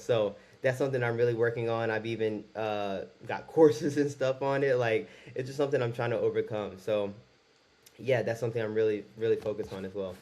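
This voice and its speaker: Speaking to camera in his very first video, this twenty-something YouTuber is candid and casual. His medium-pitched voice is a little mellow, and he rambles slightly, often starting sentences over.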